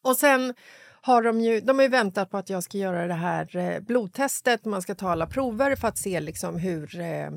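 A woman hosting a podcast in casual chat, an animated storyteller who acts out dialogue and swears freely. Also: mid-range voice, vocal fry, dry recording, studio quality. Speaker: podcast host.

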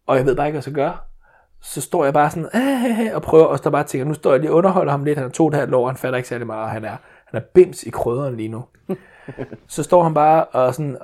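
A man's voice: fairly high pitch, darkish tone. A man, telling a story as a father in casual chat, rambling with many restarts and fillers.

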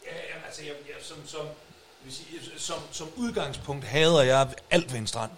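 A man's voice: a little high, a little hiss or hum. A man co-hosting a podcast in casual chat, teasing his partner with dry remarks. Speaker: podcast co-host.

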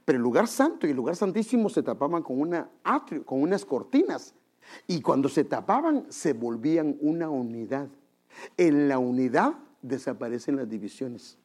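A man preaching in with a slightly husky voice. His pitch swings widely as he talks straight to the congregation, calling them brothers. He acts out little scenes as he goes. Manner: animated, acts out quotes in high voices; conversational, addresses listeners as brother. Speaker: pastor. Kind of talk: preaching a sermon.

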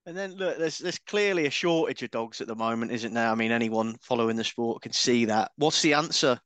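A man's voice: medium pitch, a little fast, a bit bright, no room sound. English man interviewing, dry close sound. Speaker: podcast interviewer. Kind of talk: casual interview chat.

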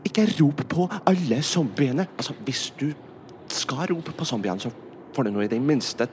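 A man voicing a bumbling, excitable male animal in a children's audio play, fussy and theatrical. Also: medium pitch, slight background noise, close to an everyday voice. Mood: bossy. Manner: fussy, theatrical, swings to squeals.

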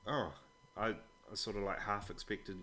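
With slight background noise, an Australian man chats casually as a podcast guest about his kids, relaxed and blokey, swearing now and then. His voice sits on the low side, steady, moderately paced, pushed and bright.

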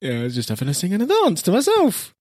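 A man bantering on a comedy podcast, his pitch bouncing all over as he jokes and teases. The sound is close and dry, with no room in it. He laughs a lot between lines. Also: wildly swooping pitch, fast talker, darkish tone, no room sound. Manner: jokey, teasing, lots of laughter. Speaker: podcast co-host. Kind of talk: casual comedic chat.

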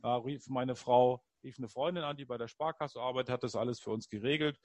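A man in casual conversation, telling personal stories in an animated, upbeat way. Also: medium pitch, fairly quick, dry recording.

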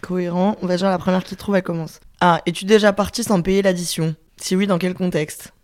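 A young woman with a slightly low voice chats casually as a podcast host. Her way of talking is playful and teasing, like someone talking with a close friend. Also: fairly even intonation, fairly quick, darkish tone. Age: 20s. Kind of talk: casual chat between friends.

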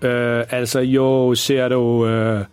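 A man's voice: on the high side, animated, slightly rough, faint music behind, voice pushed up. A man voicing a clumsy, overconfident father in a children's audio story, hesitant and full of fillers. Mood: flustered. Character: clumsy, overconfident bumbling dad.

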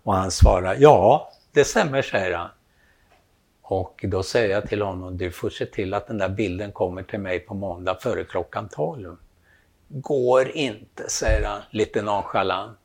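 A man's voice: low voice, creaky. A man telling a long anecdote, acting out the dialogue as he goes. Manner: animated storytelling, acts out quoted dialogue. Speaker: storyteller, photographer.

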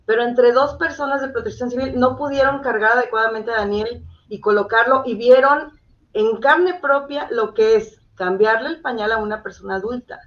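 A woman's voice: on the high side, normal speed. Mexican woman, earnest, on dull lo-fi audio. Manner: earnest, detailed storytelling, checks she is understood. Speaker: interview guest, caregiver mother. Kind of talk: conversational personal account.

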